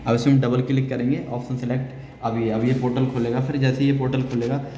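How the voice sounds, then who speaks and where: In this spoken software tutorial, an Indian man explains each step and repeats key phrases. His dark, mid-range voice stays level at a quick pace, and the sound is distant, noisy, and echoey.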